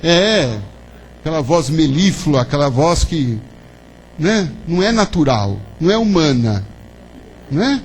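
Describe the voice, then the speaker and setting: A man's voice: a little high, sing-song, a little slow, long pauses, poor audio. A man giving a spiritist lecture to an audience, conversational and full of questions to the listeners and tag "né?". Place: lecture hall of a spiritist center. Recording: faint hum behind the talk.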